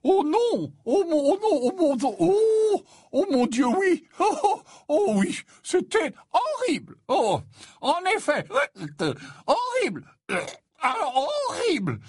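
A man's voice: very high voice, big pitch swings, slow, darkish tone, no echo, clean studio sound, pitched above the performer's own voice, exaggerated voice. A man voicing a fussy, emotional old male wizard teacher, stammering and full of exclamations in an audiobook. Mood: flustered. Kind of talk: audiobook character voice.

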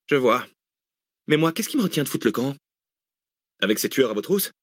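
A man's voice: mid-range voice, very animated, normal speed, no echo, studio quality, voice pushed up. A man reading an audiobook, voicing an angry, sarcastic female researcher on the run. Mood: sharp. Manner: biting, sarcastic, exclamatory. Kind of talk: audiobook character voice.

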